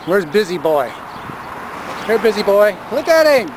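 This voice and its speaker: A man's voice: high voice, big pitch swings, measured pace. A man filming the sky outdoors, giving a casual, amused running commentary into his handheld camera's microphone. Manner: amused, chatty, pointing things out. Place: outdoors, by the road and in a car. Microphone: handheld camera mic. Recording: noisy outdoor camera audio. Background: traffic and outdoor noise.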